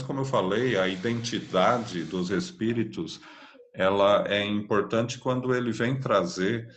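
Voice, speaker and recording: A man with a Brazilian Portuguese accent gives a spiritist class over a home computer mic. His voice sits fairly low. He explains things patiently and keeps checking in with his listeners. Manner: explanatory, frequent tag questions, patient. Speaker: spiritist course teacher. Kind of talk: online class lecture.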